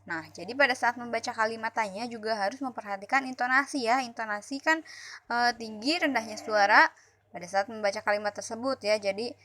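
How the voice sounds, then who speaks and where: A woman's voice: a little high, brisk, sharp tone. A woman teaching primary school pupils, explaining a textbook lesson patiently and repeating herself as she goes. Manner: patient, repeats and restarts words while explaining.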